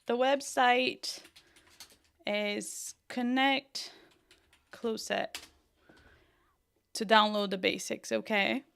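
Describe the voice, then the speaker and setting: A young Brazilian woman whose accent mixes Brazilian and Northern Irish gives a chatty livestream design tutorial, thinking aloud and muttering to herself as she works. Her voice is a little high, bright, clear and resonant, with fairly even intonation, a creaky quality, and a very slow pace broken by long pauses.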